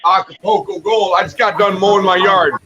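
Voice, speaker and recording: A man's voice: high voice, fairly even intonation, fairly quick, lo-fi sound, crowd noise. A man from the Midwest with an accent that sounds East Coast, chatting casually as a guest on a stream, easygoing and given to repeating himself. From Midwest US, Minnesota. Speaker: guest caller. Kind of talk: casual chat on a live stream.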